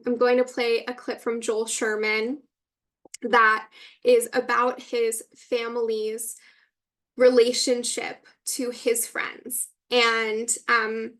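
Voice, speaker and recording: A woman with a fairly high but flat, even voice, guiding listeners through an online exhibit. She explains and sets up clips at a steady pace, heard through a computer mic on a video call. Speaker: webinar presenter. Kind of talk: guided exhibit tour on a webinar.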